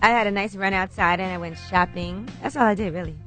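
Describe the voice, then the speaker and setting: A woman co-hosting a morning radio show, teasing the others with quick questions. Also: medium pitch, fairly bright tone, faint music behind. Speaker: radio co-host. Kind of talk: casual morning radio chat.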